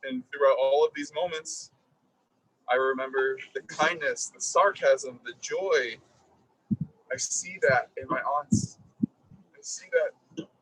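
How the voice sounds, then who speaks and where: A man giving a reflective, halting eulogy at a graveside service. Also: mid-range voice, fairly bright tone, distant mic, rough recording. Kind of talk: eulogy speech. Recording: husky voice picked up from afar.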